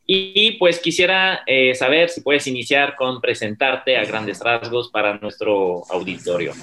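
A man's voice: mid-range voice, unhurried, bright, forceful tone. Polite man hosting a podcast. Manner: polite, questions with fillers. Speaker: podcast host, university professor. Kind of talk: friendly interview questions.

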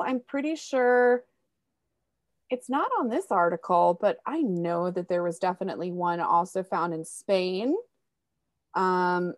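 A woman in her thirties co-hosts a casual podcast from home. She rambles and giggles, with plenty of fillers. Her voice sits at a middling pitch, and the room sounds dry and close. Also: no room sound. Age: 30s. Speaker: podcast co-host. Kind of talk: casual chat. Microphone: home mic on video call.

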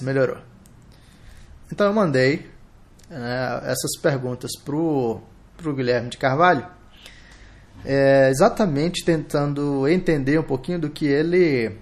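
A man with a Brazilian Portuguese accent hosting a live podcast, thinking aloud in a reflective, halting way. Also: mid-range voice. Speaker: podcast host.

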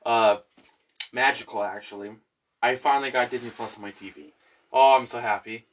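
A young man chatting casually with a friend, playful and goofy, often breaking into silly voices and sound effects. His pitch sits in an ordinary middle range. He sounds a little distant from the microphone. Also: steady tone, moderate pace, a bit bright, slight background noise. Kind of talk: casual chat.

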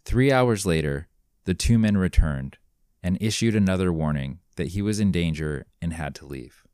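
A man reading a scripted mystery story in a measured, grave manner. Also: deep voice, lively intonation, darkish tone, clean tone, no echo, clean studio sound. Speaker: narrator.

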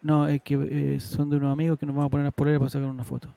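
A man's voice: fairly high pitch, monotone, very fast, gravelly, mellow, dry recording. A man, telling a story as a podcast host in a rambling way, with restarts and laughs. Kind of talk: casual storytelling to co-hosts.

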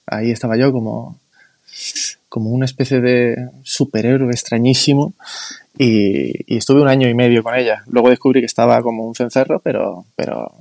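Gravelly-voiced man musing aloud. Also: medium pitch, darkish tone, no echo, studio quality. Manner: rambling, halting with many restarts and fillers. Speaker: podcast guest. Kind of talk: casual conversation.

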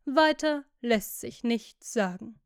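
A woman voicing a witty, cynical aristocratic gentleman who talks in ironic, lecturing tones. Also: a little high, animated, slow pace, clear, resonant tone, no echo, studio quality.

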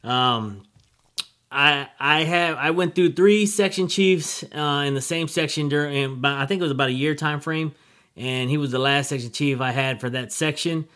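A middle-aged man hosting a casual podcast interview, friendly and halting with many fillers. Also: fairly high pitch, a bit bright. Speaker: podcast host.

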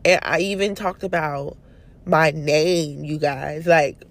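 A woman's voice: low voice, takes it slowly. Young woman host, casual faith talk, emphatic with slight stumbles. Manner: stumbles over words, animated and emphatic. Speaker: prayer video host.

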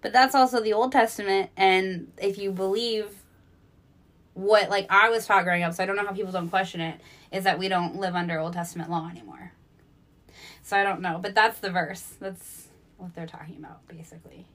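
A woman guest on a podcast, telling personal stories in an animated way and laughing often, in a candid casual chat. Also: medium pitch, brisk.

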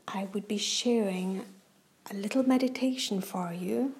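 Soft and breathy, almost a whisper, a female host reads a guided meditation for a kids' relaxation show. Her mid-range voice flows in slow, soothing phrases.

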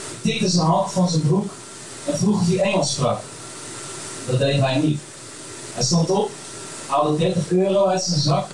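A man telling a first-person story on stage in a frank, crude and wryly humorous way. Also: high-pitched. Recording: very echoey room, mic far off, clear background noise.

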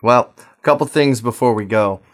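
A man's voice: medium pitch, normal speed. A man co-hosting a podcast, wrapping up with an upbeat, persuasive appeal to listeners. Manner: upbeat, persuasive call to action. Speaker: podcast co-host.

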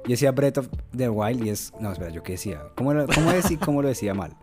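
A man's voice: mid-range voice, big pitch swings, rapid-fire, over music. A man co-hosting a casual gaming podcast, joking and laughing often. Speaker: podcast co-host. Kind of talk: casual chat.

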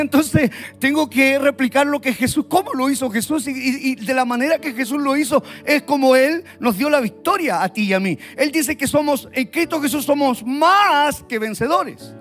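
Male pastor, very high voice, fervent sermon over soft music. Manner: impassioned, repetitive, building to shouts.

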